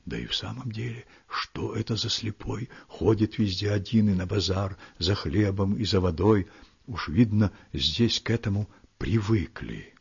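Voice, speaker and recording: A man reading a story, voicing a frightened cossack servant who speaks in a hushed, secretive whisper with a husky voice. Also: low-pitched, very animated, a little slow, few pauses, full character voice. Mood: fearful whisper. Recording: muffled lo-fi recording.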